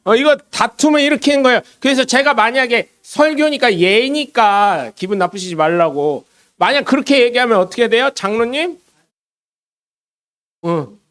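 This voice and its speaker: A man's voice: very high voice, expressive, normal speed, a bit bright, smooth. A middle-aged man preaching a casual, conversational sermon as a pastor in a church, often asking the congregation questions and acting out voices in quotes. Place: church sanctuary.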